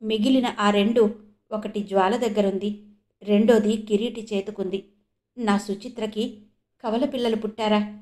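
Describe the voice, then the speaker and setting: A woman's voice: mid-range voice, steady tone, normal speed, long pauses, darkish tone, natural voice. A woman narrator voicing an emotional, earnest middle-aged father who asks urgent, pleading questions.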